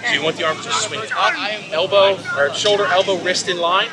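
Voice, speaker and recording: A man's voice: high voice, a little fast. A middle-aged man instructing hands-on in short, encouraging phrases, outdoors in a field some way from the camera. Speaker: whip-cracking instructor. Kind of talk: hands-on coaching. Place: open grassy field at a fair. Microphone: camera several metres away. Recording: loud outdoor fair noise and crowd.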